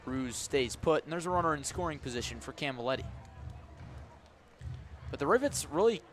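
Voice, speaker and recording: Animated and a bit bright, this fairly high male voice delivers descriptive radio play-by-play of a live baseball game at a moderate pace, getting louder on big plays. The announcer is outdoors at a ballpark, and ambient outdoor noise can be heard behind him.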